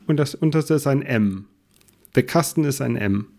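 A man with a gravelly, low-lit voice explains things in a relaxed podcast chat. He often restarts and circles back with fillers while he works his point out. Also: moderate pace. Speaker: podcast guest.

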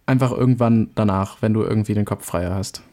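A man's voice: fairly low pitch, brisk, warm tone. A young man co-hosting a podcast in casual chat, chatty and teasing. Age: young adult. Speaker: podcast co-host.

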